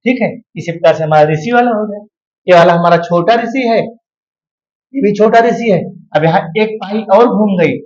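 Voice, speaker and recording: Male tutor, patient drawn-out explanations, muffled lo-fi sound. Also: sits high, a little mellow. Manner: drills words slowly syllable by syllable, addresses viewers as dear ones. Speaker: Hindi grammar teacher. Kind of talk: video lesson. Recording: dull lo-fi sound.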